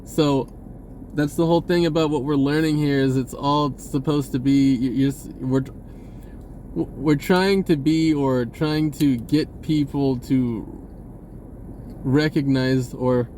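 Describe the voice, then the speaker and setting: A spiritual vlogger delivers a casual, rambling monologue in folksy, informal wording, frequently correcting himself. He speaks slowly in a warm, steady, medium-pitched voice, with slight background noise.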